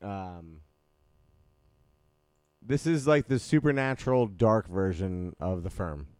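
A man's voice: sits low, lively intonation, takes it slowly, a little mellow, clear, resonant tone, dry recording. A man in casual podcast chat about movies, easygoing and hesitant, with frequent ums.

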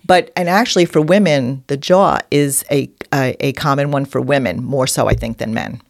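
A woman's voice: a bass voice, normal speed, gravelly, no room sound, clean studio sound. A woman with a New York accent co-hosting a conversational health discussion. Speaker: podcast co-host.

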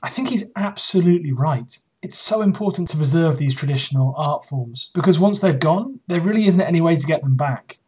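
A man hosting a podcast, interviewing a guest and then reflecting on the conversation in an earnest, measured way. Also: on the high side, lively intonation, slightly rough. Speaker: podcast host.

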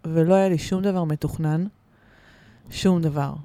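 A woman's voice: low-pitched, steady tone, dark tone, no echo. Woman guest, casual storyteller, chatty and giggly, dry close studio sound. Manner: chatty, laughs often, many fillers. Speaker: podcast guest, musician. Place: podcast studio. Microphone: studio microphone.

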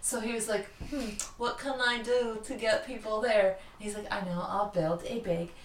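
A podcast co-host tells chatty, lighthearted stories about local history in a steady, mid-range voice at normal speed. She sits distant from the mic, and the room adds echo.

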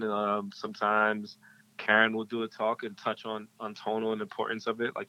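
Deep-voiced man, reflective podcast guest. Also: sharp tone, lo-fi sound. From Ghanaian-American. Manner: reflective, with many fillers and restarts. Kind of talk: casual interview talk.

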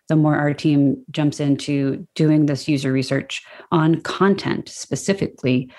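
A woman's voice: low-pitched, darkish tone. A woman guest in a podcast interview, answering at length in an upbeat, enthusiastic way with frequent restarts. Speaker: content strategy guest.

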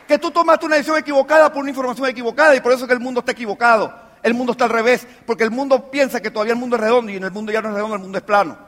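A man's voice: extremely high pitch, fairly even intonation, very fast, few pauses, fairly bright tone. A man giving an emphatic motivational talk to a business audience, firing off rhetorical questions. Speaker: business mentor speaking to a team. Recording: long reverb of a live hall.

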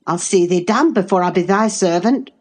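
A woman reading the lines of a rough, sullen young farm lad in a storybook, close to her own voice. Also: mid-range voice, normal speed, darkish tone, soft background music, voice pushed up, lightly acted. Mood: surly. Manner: growling, blunt.

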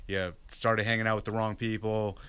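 Low, flat-voiced man, bright and clear. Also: fairly quick, dry recording. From Virginia, United States. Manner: candid, restarts with many fillers. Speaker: guest. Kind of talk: casual interview.

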